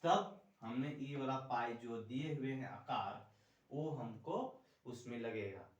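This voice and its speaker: A man's voice: mid-range voice, slow, lo-fi sound. A male teacher giving a lesson, explaining step by step and asking and answering his own questions. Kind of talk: classroom lecture. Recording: echoey room, distant mic.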